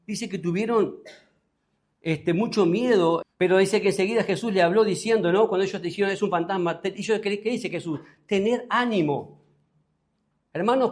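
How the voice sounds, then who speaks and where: Rioplatense male pastor, high voice, sermon with sudden rises and questions to the congregation. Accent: Rioplatense Spanish. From Uruguay. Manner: preaching with sudden rises in pitch and loudness, asking the congregation questions.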